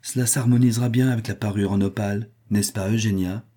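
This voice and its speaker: A man's voice: fairly low pitch, fairly even intonation, brisk, dark tone, lightly acted. A man voicing a vain, bossy noble lady who gushes and gives orders in a read-aloud novel. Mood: commanding. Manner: effusive, commanding.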